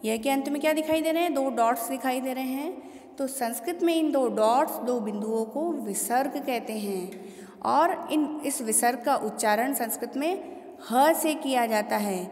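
High-voiced woman teaching in an echoey room. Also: a little mellow. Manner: patient, repeats words slowly and asks students questions. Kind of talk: classroom lesson explaining Sanskrit pronunciation. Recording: echoey room with long reverb.

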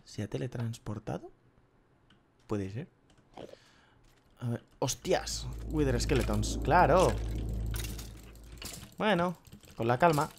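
A man's voice: mid-range voice, expressive, slow, pauses often, slight background noise. Spanish man swearing through gameplay. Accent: Spain Spanish. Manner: swears often, cries out in sudden yelps. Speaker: gaming youtuber. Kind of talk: casual gameplay commentary.

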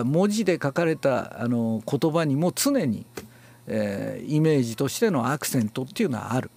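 Gravelly, lively-voiced male lecturer. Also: fairly high pitch. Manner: unhurried and explanatory, with frequent filler pauses. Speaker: announcing and reading instructor. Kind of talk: spoken lecture on speech theory.

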